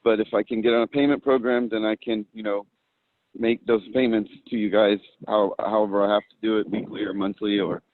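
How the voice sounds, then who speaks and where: A low-voiced man talks over a thin, phone-like line with a dry, close sound. He hesitates and stumbles, repeating words before he gets them out, answering politely as a defendant before a judge. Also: flat delivery, a little fast, no room sound. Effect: heard over a phone line. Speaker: defendant in a remote court hearing. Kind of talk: casual speech addressing a judge.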